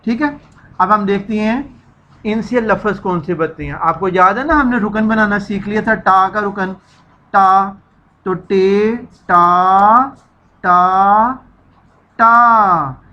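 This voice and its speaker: A woman's voice: medium pitch, takes it slowly, bright, forceful tone, dull audio. A woman teacher giving a children's reading lesson, stretching out syllables and repeating each sound for the children to echo.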